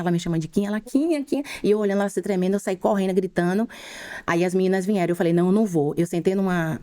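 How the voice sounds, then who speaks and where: A middle-aged Brazilian woman telling her faith testimony as a podcast guest, in fervent, rushed storytelling. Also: lowish voice, dark tone. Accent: Brazilian Portuguese.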